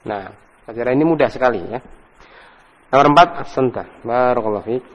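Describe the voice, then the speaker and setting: A man talks fast in a mid-range voice, and the recording sounds muffled. During an Arabic grammar lesson in a mosque study hall, he patiently corrects students and praises them often, and a long hall reverb trails his words.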